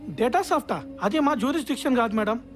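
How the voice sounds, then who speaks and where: Give us an actress as a brusque police desk officer who talks fast in a high, lively voice. She waves people off and barks at juniors. A dubbed thriller scene. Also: faint music behind, natural voice. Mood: routine. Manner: brusque, dismissive, bossy with juniors. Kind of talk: dubbed film dialogue.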